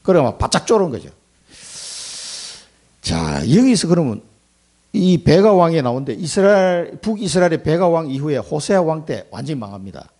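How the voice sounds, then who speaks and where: A male pastor delivers a lively Sunday sermon. His voice sits fairly high and swings widely in pitch. It has a gravelly, husky grain as he acts out quoted lines and puts questions to the congregation. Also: moderate pace. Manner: animated preaching, acting out quoted speech, asking the congregation questions.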